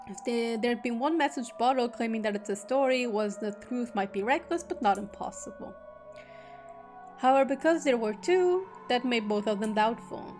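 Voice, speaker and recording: A woman streamer reading a visual novel aloud, breaking off now and then into joking casual asides. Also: a little high. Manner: reads narration steadily, breaks off into joking asides.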